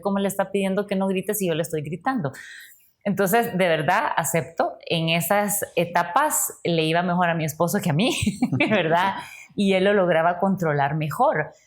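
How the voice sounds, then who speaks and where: A woman with a Guatemalan Spanish accent, a mother and podcast guest telling her story earnestly with frequent fillers. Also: fairly low pitch. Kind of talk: podcast conversation.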